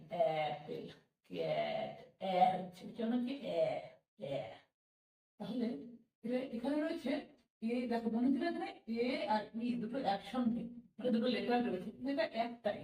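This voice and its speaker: A Bengali-speaking woman teaching English pronunciation, slowly repeating each sound and example word. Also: fairly high pitch, warm tone, far from the mic. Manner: slow, patient, repeats sounds and example words. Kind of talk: spoken language lesson. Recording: roomy echo from away from the mic.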